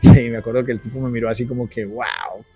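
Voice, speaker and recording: Male guest, earnest testimony storytelling, average pitch, soft music under. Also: little pitch movement, rapid-fire, husky. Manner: earnest storytelling, frequent restarts. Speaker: guest telling his testimony. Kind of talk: personal testimony in an interview.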